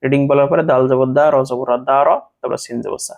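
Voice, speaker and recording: A man teaching Quran reading, slowly spelling out each Arabic letter with its vowel sound and then blending them into words. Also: medium pitch, steady tone, gravelly, darkish tone. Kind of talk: slow syllable-by-syllable Quran reading lesson.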